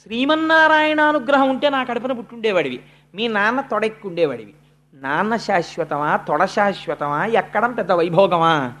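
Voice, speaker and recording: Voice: medium pitch, moderate pace, fairly bright tone, close to an everyday voice. A haughty queen stepmother taunts a young child with scornful, mocking questions, played by a preacher telling the tale. The voice stays close to the storyteller's own.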